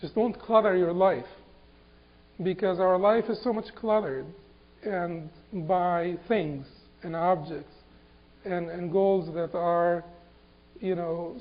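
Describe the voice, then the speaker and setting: A man from Egypt giving an Islamic lecture, halting and repeating words with many fillers. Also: high voice, vocal fry. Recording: dull lo-fi recording.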